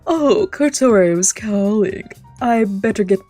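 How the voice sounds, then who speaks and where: A woman streamer's dark-toned, medium-pitched voice carries lively intonation at a measured pace as she reads a visual novel. Faint game music plays underneath, and she sometimes fumbles lines and adds casual, playful reactions.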